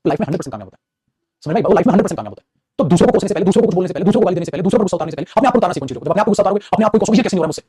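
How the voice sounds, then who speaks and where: Fast-talking husky male teacher. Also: high voice, lively intonation, dark tone, dry recording, clean studio sound. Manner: scolding, motivational, calls students beta. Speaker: English grammar teacher. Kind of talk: live online class lecture.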